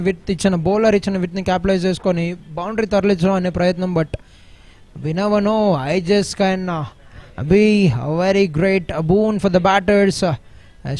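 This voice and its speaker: A man with an Indian accent giving analytical cricket commentary, switching between English and Telugu with hesitant pauses. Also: high voice, steady tone, darkish tone.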